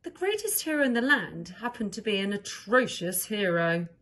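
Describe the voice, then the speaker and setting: A woman reads a children's story aloud in a medium-pitched voice. Her narration is expressive, with very lively rises and falls. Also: normal speed. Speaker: story reader.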